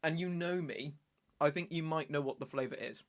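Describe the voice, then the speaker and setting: A man's voice: on the high side, moderate pace, no room sound, clean studio sound. A British man co-hosting a casual podcast, running a guessing game with a teasing manner and frequent laughs. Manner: playful, teasing, laughs often. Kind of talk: casual chat.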